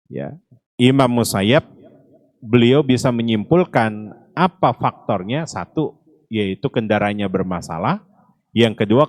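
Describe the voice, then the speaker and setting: A man's voice: fairly low pitch, no room sound. Storytelling preacher man. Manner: lively storyteller acting out dialogue. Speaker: Islamic preacher. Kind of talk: storytelling sermon. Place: mosque.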